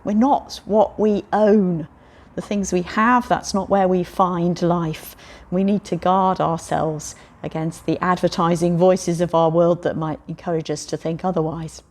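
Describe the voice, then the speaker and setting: A woman giving an all-age sermon, telling the story in a lively way and inviting the congregation to join in. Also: fairly low pitch, measured pace. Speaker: preacher.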